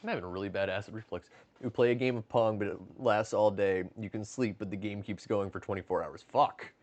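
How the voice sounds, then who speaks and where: A man's voice: on the low side, steady tone, a little fast, a little mellow. Casual, profane man in his late twenties. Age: late 20s. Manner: profane, joking, reading chat aloud. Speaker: livestreamer. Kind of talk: casual livestream chat while cooking. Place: home kitchen, stepping outside to smoke.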